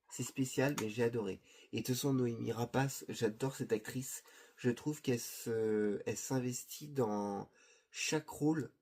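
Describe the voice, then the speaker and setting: There's slight background noise as a middle-aged man, a video host, shows his Blu-ray collection. His mid-range voice is a little mellow, and his casual talk is hesitant, packed with fillers and restarts.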